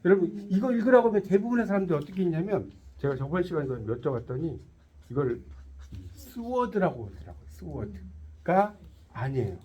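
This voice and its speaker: A man's voice: high voice, animated, very fast, dark tone, husky, muffled recording. A man teaching a tarot lecture to a class, quizzing his students and cracking jokes as he explains. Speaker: tarot instructor.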